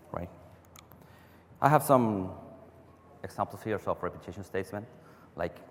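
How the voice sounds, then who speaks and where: Chilean man speaking in an echoing hall. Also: on the low side. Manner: non-native phrasing, frequent restarts, rhetorical "right?". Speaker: conference speaker. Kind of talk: technical conference talk. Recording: long reverb of a large hall.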